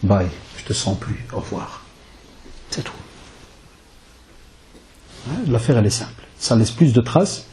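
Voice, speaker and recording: Brief: man, sermon preacher, conversational, rhetorical questions, warm mellow tone. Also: mid-range voice. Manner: lively and conversational, with rhetorical questions and Arabic religious phrases. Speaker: preacher and lecturer.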